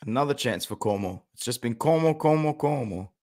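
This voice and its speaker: A young man hosting a casual football fan stream, chatting and reacting aloud to match highlights, with loud outbursts and low muttered asides. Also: expressive, fairly quick. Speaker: football fan channel host. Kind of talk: casual live-stream commentary.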